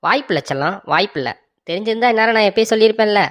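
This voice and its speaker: A woman voicing a soft-hearted young husband who sweet-talks his wife in a cartoon comedy. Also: medium pitch, expressive, rapid-fire, lightly acted. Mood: doting. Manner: sweet-talking, pleading, calls his wife "darling".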